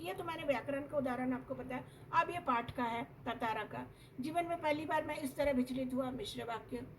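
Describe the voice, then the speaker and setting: A middle-aged woman teaches a grammar lesson in a high, clear voice. She is patient and keeps asking her students whether they follow. A faint hiss sits under the recording. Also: a bit bright, poor audio. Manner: patient, checks in with students often.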